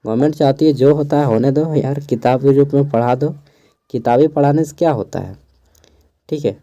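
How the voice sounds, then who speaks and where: A young man teaching an exam-answer lesson in a casual, chatty way, keeping his voice low in a small room at home and adding asides. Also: normal speed, warm tone, muffled recording. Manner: chatty, digresses with asides and chuckles; keeps his voice down so neighbours won't hear. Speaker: teacher going over an exam paper.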